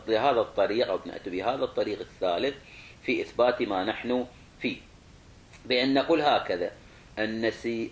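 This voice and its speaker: A male religious studies teacher lecturing a class, who repeats and rephrases points, asks rhetorical questions and sometimes restarts words. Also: on the low side. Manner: clears his throat, restarts words.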